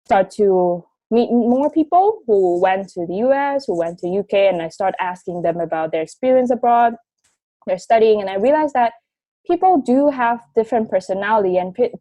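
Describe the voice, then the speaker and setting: A woman's voice: mid-range voice, mellow, dry recording. A 21-year-old woman from Indonesia, born in Taiwan, telling her story in a chatty interview and leaning on filler words. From grew up in Indonesia, born in Taiwan. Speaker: interview guest, marketing graduate.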